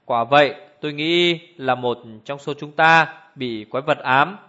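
A man's voice: fairly high pitch, unhurried, pushed and bright. A man voicing a prim, rigid older woman who speaks in an icy tone, on a dull lo-fi recording.

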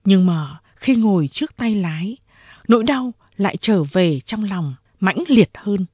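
A woman narrating a novel as an audiobook, in a measured storytelling manner. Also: medium pitch, expressive, mellow, slightly rough, no echo. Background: faint music.

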